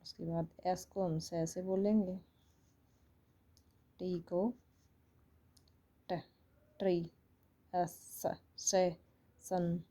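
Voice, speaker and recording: A woman's voice: lowish voice, level tone, extremely slow, pauses often, warm tone. A woman with an Indian accent teaching English phonics online, explaining patiently and repeating each sound.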